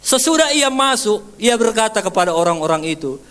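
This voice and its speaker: A man pastor, preaching a sermon and acting out scenes with sudden loud high outbursts. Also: sing-song, fairly quick.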